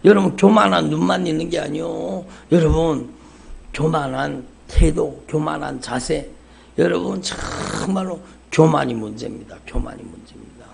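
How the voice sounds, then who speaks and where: A man's voice: fairly high pitch, measured pace, gravelly, a little hiss or hum. A male pastor preaching a sermon in a church, fervent and repetitive, calling out to the congregation again and again. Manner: fervent preaching, repeats "여러분" and "정말로". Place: church sanctuary. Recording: live church service stream.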